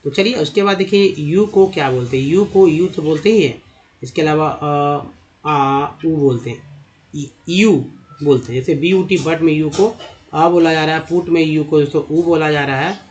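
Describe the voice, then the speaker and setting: A man teaching English pronunciation to viewers in Hindi, calling them friends and repeating sounds slowly to drill them. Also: on the high side, darkish tone. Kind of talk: explaining to viewers. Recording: dull lo-fi sound.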